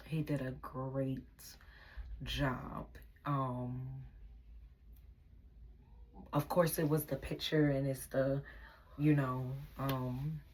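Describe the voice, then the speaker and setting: Young woman spilling relationship drama, low voice with lots of gravelly fry, candid and venting. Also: darkish tone, a little hiss or hum. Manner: candid, venting, drifts into a whisper. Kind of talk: casual storytime vlog.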